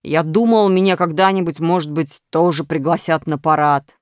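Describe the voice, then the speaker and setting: A woman's voice: low-pitched, fairly even intonation, normal speed, no room sound, studio quality, close to an everyday voice. A woman voicing a mischievous, childish male minus sign who pleads and makes excuses in a storybook. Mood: excusing.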